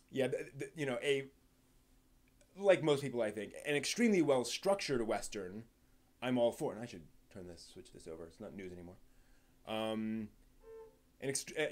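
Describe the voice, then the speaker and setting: This man hosts an informal live stream about the news, speaking in a halting, rambling manner. He often restarts sentences and stresses a point only to trail off, all in a mid-range voice.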